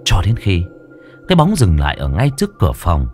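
A man's voice: low voice, huge pitch swings, fairly quick, faint music behind. A man reading a ghost story aloud with dramatic, suspenseful delivery. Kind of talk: scripted ghost story narration.

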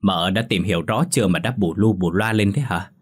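A stern older village woman scolding in a matter-of-fact way, voiced by a man. The voice is low and husky. It is told as an audiobook ghost story. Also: fairly quick.

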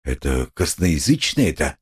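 A man's voice: rumbling low, sing-song, unhurried, breathy edge, full character voice. A man playing a brooding, gloomy young man who speaks curtly. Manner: curt, gloomy, softening at times.

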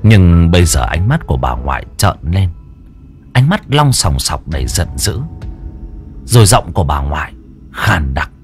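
A man narrating a dramatic horror audiobook in an expressive storytelling manner. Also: deep voice, moderate pace, faint music behind.

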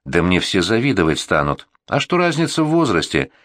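A lovesick, earnest eighteen-year-old, as a narrator plays him, pleading and insistent. The voice is low at its base, and the recording is close and dry with no echo. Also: male voice, sing-song, brisk, a bit bright. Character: lovesick eager young man, eighteen.

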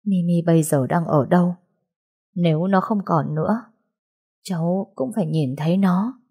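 A woman's voice: fairly low pitch, normal speed, mellow, slightly rough. A woman voicing a grief-stricken young mother in an audiobook, crying out and pleading. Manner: screaming, sobbing pleas. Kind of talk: audiobook dialogue.

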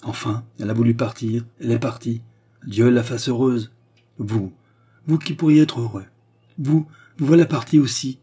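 A man voicing a proud, anxious French queen, lofty and brisk, in a storybook reading. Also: mid-range voice, lively intonation, warm tone, husky, pitched above the performer's own voice. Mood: reproachful.

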